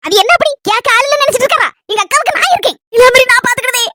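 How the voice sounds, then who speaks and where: A woman with a Kanyakumari Tamil accent, voicing a bossy, meddling village woman who eggs on her friend with rapid gossip. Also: very high voice, heavy background noise. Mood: egging on.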